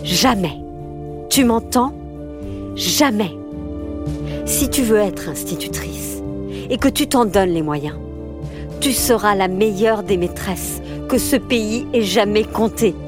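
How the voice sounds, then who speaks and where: A woman's voice: mid-range voice, expressive, slow pace, long pauses, music in the background. A woman voicing a fierce, protective aunt who is loving but stern, speaking firmly and with emphasis. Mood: tender firm. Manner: firm, emphatic.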